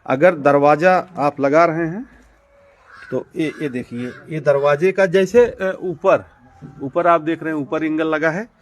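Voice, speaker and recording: A man gives viewers a casual walk-through of his poultry farm, explaining step by step with many fillers and repetitions and addressing them directly as friends and brother. His voice is a little high, at a measured pace.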